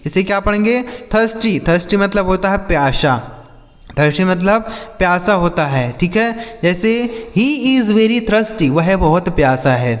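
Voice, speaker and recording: This man's voice sits high and sounds animated and fairly bright as he teaches English vocabulary a little slowly. He spells each word by letter and repeats what it means several times, with a long reverb tail.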